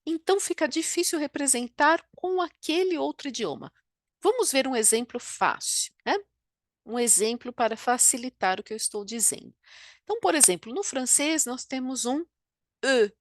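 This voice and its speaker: A woman's voice: sits high, lively intonation, moderate pace, dry recording, studio quality. A woman from Brazil with a Brazilian Portuguese accent, teaching French pronunciation in an online lesson and often checking in with tag questions. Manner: explanatory, frequent tag questions. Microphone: computer microphone while drawing with a mouse.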